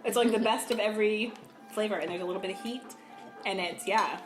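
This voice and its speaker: A woman's voice: mid-range voice, fast, over music. A woman hosting a food podcast, chatting in an upbeat, encouraging way and then closing the episode. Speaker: podcast host. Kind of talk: casual chat and outro. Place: home kitchen.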